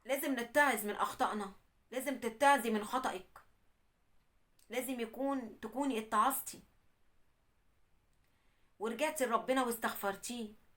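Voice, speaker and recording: A woman's voice: fairly high pitch, moderate pace, long pauses, a bit bright. A woman with an Egyptian accent who narrates a listener's story in first person, then gives earnest religious advice. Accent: Egyptian Arabic. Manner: earnest, admonishing. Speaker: host reading a listener's story.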